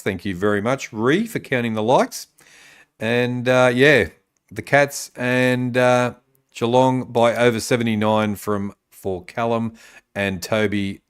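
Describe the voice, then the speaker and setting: Smooth-voiced man hosting a footy chat. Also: lowish voice. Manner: loose and rambling, many fillers. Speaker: podcast host. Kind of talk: casual sports chat, reading viewer tips.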